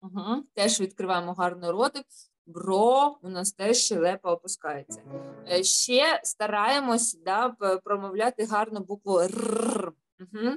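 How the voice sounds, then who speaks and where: A woman's voice: mid-range voice, moderate pace, soft background music. A woman vocal teacher leading a children's singing lesson, patient and encouraging, using diminutives and checking in with a questioning "right?".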